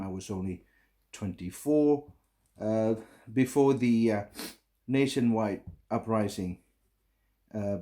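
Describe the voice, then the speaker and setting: A middle-aged man from Burma with a Burmese accent, giving a recorded conference talk in halting English full of fillers and restarts. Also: deep voice, dark tone. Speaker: conference speaker.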